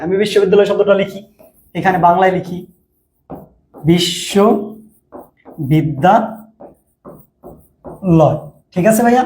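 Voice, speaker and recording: A young man with a colloquial Bangladeshi Bangla accent teaching a university admission class, repeatedly checking whether students follow and drawing out example words slowly. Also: high-pitched, darkish tone. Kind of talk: casual classroom lecture. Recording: roomy echo.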